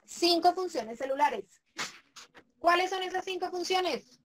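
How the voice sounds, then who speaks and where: A woman's voice: very high-pitched, expressive, unhurried, a bit bright, a little hiss or hum. A woman teacher leading a class step by step, patient and checking in with the students often. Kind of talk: remote class walkthrough.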